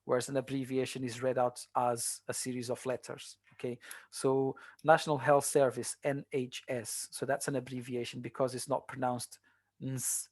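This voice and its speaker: A man's voice: mid-range voice, little pitch movement, moderate pace, no room sound, studio quality. A man tutoring translation students in a seminar, talking in a conversational way with many fillers and restarts. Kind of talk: online seminar lecture.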